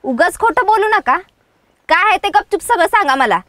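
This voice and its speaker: An actress playing Radha, a sharp young village woman who scolds and calls out lies firmly. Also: very high-pitched, lively intonation, no echo. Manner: firm, scolding, quick to call out lies.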